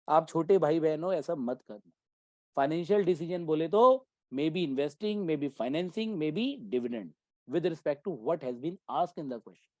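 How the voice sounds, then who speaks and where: A man's voice: fairly high pitch, warm tone, dry recording. A man teaching an exam-prep commerce class, mixing Hindi with English terms and often checking that the students follow.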